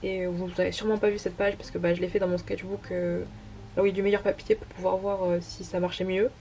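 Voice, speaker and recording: Young woman with a mellow voice, hesitant. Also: fairly low pitch, little pitch movement, fast talker, slight background noise. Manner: hesitant, many fillers, self-deprecating laughs. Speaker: artist vlogger showing her sketchbook. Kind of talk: casual narrated walkthrough.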